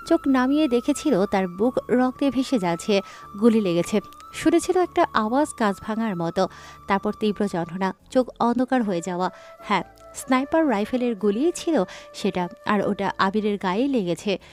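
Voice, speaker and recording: A woman narrates a dramatic audio story in a steady reading voice, a little higher than average. Soft background music runs beneath her throughout.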